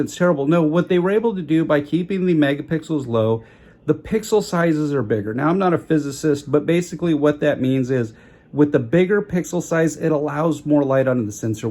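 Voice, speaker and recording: A man's voice: fairly high pitch, a little mellow. A man giving a casual, plain-spoken camera review, correcting himself as he goes, recorded on a phone's built-in mic. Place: outdoors at a busy roadside eatery. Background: traffic and chatter.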